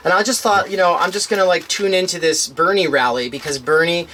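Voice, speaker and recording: A man telling a long personal story in casual conversation, rambling with restarts and fillers, animated as he retells events. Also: high voice, a little fast, slight background noise. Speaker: interviewee.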